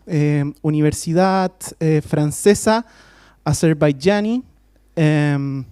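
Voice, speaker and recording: A fairly high, warm, clear and resonant male voice, recorded at studio quality with no room sound. Introducing a guest speaker in a university lecture hall, the faculty host sounds hesitant, leans on filler sounds, and mixes Spanish with English during this formal introduction.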